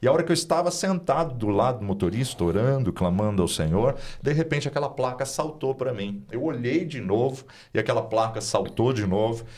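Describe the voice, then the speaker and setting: A man's voice: mid-range voice, lively intonation, fairly quick, few pauses, darkish tone. A male pastor, a guest in an interview, telling a testimony in an earnest, narrative way with frequent tag questions. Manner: earnest, narrative, with many "né?" tags.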